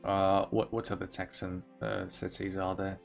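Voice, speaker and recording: A man's voice: low-pitched, flat delivery, moderate pace, vocal fry, faint music behind. A young man from Belarus streaming chess from home, chatting casually and answering his viewers' messages aloud. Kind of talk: casual live-stream chat.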